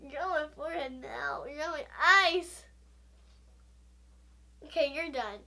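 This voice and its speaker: Giggly, squealing woman with piercingly bright, drawn-out delivery, playfully grumbling in casual vlog banter. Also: sits high, creaky. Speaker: daughter being made up.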